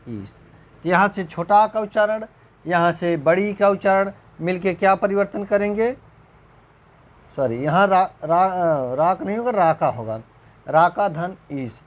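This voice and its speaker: Slow, deliberate male Hindi teacher. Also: sits high. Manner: slow, repetitive, checks understanding with rhetorical questions; clears throat often. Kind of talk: recorded exam-prep lecture.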